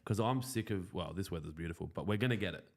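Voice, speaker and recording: A man's voice: sits low, animated, fast, a little hiss or hum. A man with a broad Australian accent and a blokey, sweary, joking manner, hosting a casual live chat. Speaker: host of a lawn care show. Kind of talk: casual live chat answering viewer questions.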